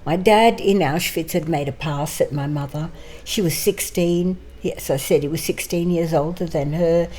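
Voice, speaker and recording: An older woman from Greece, reading her own poem in a slow, measured way and then telling her life story as a guest in her home. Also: low voice, warm tone, poor audio. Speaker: interview guest. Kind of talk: poetry reading and personal storytelling.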